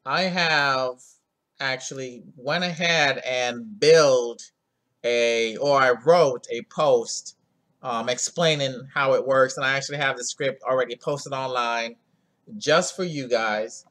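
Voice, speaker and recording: A man's voice: mid-range voice, slow pace, fairly bright tone. A man hosting a screen-recorded coding tutorial, talking in a laid-back, rambling way full of ums and asides.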